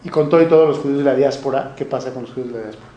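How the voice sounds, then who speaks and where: A man's voice: mid-range voice, racing, dark tone, lo-fi sound. A male teacher giving a classroom lecture, explaining step by step and checking in with the class through frequent rhetorical questions. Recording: roomy classroom echo.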